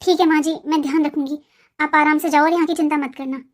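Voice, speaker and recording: A woman playing a patient young cartoon mother who talks things through calmly and gently. Her voice is pitched extremely high, in the style of animated family stories. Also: fast, close to an everyday voice. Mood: reassuring. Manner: calm, reasoning, gently scolding. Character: elder daughter-in-law, patient young mother. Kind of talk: cartoon voice acting.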